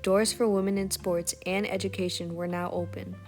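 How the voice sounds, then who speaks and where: Woman narrator, very flat intonation, scripted documentary read, faint music behind. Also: mid-range voice, moderate pace. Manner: steady, read-aloud delivery.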